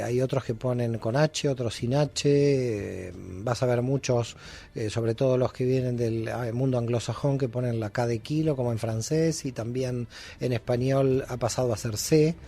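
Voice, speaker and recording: A man being interviewed as a guest expert, explaining in a teaching manner with frequent pauses and fillers. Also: mid-range voice, mellow. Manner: didactic, many hesitations. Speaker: guest scholar.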